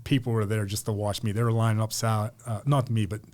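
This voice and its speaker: A man's voice: fairly low pitch, steady tone, fast talker, a little mellow. A middle-aged man from Pennsylvania, a podcast guest telling long casual stories with lots of restarts and repeated words. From Pennsylvania, United States. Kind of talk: casual storytelling interview.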